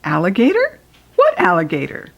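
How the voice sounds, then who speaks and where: A woman voicing an easygoing, mildly puzzled mother in an animated storytime reading. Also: fairly low pitch, normal speed, vocal fry, full character voice, poor audio. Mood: puzzled, amused.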